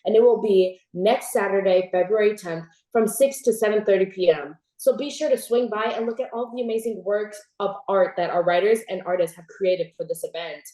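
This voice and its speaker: A teenage girl hosts a relaxed chat in a lively, storytelling way and breaks into laughter often. Her voice sits mid-range for a woman and carries a roomy echo. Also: medium pitch, a little fast, hardly any pauses. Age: teens. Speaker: host. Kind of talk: casual chat.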